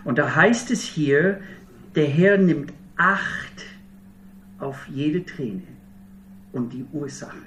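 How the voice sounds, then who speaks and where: A man's voice: on the high side, lively intonation, takes it slowly, long pauses, a bit bright, slight background noise. A middle-aged man from Minnesota preaching a sermon in German with an American accent, telling stories earnestly with wry humor. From Minnesota, USA. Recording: roomy hall heard from a distance.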